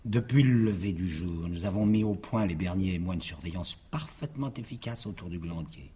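A man's voice: deep voice, a little fast, mellow, breathy edge. An actor playing a cheerful young amateur detective who teases his friend in a self-assured, playful way. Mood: calm.

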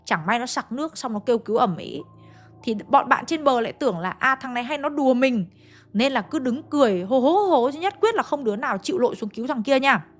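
A woman tells a ghost story in a chatty, confiding way, turning often to her listeners. Her voice sits a little high. Faint music plays underneath. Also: lively intonation, fast talker. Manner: chatty, addressing listeners directly.

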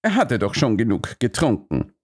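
A man voicing a sharp male detective who asks terse, probing questions in a higher voice than his narration. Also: big pitch swings, normal speed, breathy edge.

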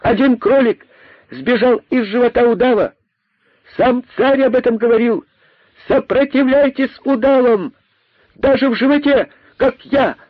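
A man voicing a bold, defiant rabbit trapped inside a boa, shouting loudly and gleefully. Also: medium pitch, lively intonation, a little slow, slightly rough, no echo, narrow, tinny audio. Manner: loud, jubilant, defiant shouting.

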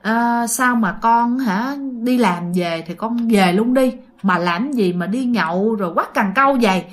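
A woman's voice: on the high side, a little slow, lightly acted. A woman voicing a grumbling Southern Vietnamese mother. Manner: scolding, grumbling. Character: middle-aged mother, nagging then frightened.

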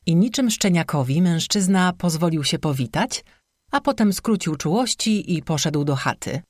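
Audiobook narrator, steady scripted storytelling, middling pitch, dry close studio sound. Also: normal speed, no echo.

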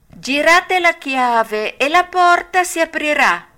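A woman's voice: high-pitched, lively intonation, slow, pushed and bright, pitched above the performer's own voice, full character voice. A woman doing a tiny-voiced talking cricket. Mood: knowing. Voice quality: tiny little voice. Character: small wise talking cricket, gentle.

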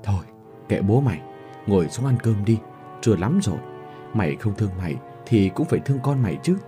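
A man voicing a sharp-tongued, loving old mother who scolds her family. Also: on the low side, expressive, a little fast, soft background music, close to an everyday voice. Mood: scolding.

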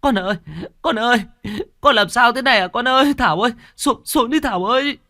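A man's voice: extremely high pitch, a little fast, bright, forceful tone, no room sound, studio quality, pitched above the performer's own voice. A man voicing a distraught mother who wails and cries out for her child. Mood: wailing. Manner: wailing, crying.

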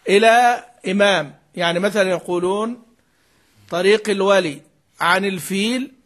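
A man's voice: high-pitched, normal speed, fairly bright tone. A man teaching the rules of Quran recitation, repeating key terms and prompting his students to fill in answers. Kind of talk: lecture on Quran reading rules.

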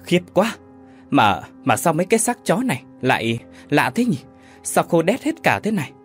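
A man's voice: on the high side, big pitch swings, moderate pace, soft background music, voice pushed up. A man voicing a shocked village woman neighbor who wails and exclaims.

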